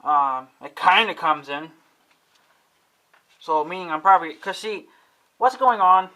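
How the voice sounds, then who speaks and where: In a poorly recorded casual home vlog, a man with a slightly high, bright, forceful voice talks to the camera about his gear. He rambles and swears a lot while complaining about his equipment.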